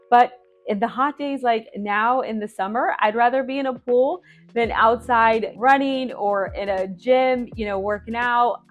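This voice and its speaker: A woman's voice: medium pitch, dull audio. A woman from Florida giving a chatty, casual walkthrough of neighborhoods as a real estate vlogger, with informal asides.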